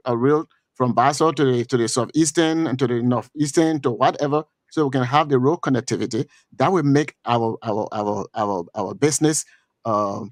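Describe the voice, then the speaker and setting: A middle-aged Liberian commentator with a Liberian accent discusses politics on a talk show in a medium-pitched, slightly mellow voice. The studio sound is clean and echo-free, and his delivery halts, repeats words and leans heavily on fillers.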